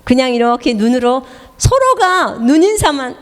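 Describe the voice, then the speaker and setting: Woman missionary preacher, a bit high-voiced, emphatic and questioning, with hushed whispered asides; long hall reverb. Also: very animated, moderate pace. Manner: emphatic, with rhetorical questions to the listener. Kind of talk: sermon. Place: church hall.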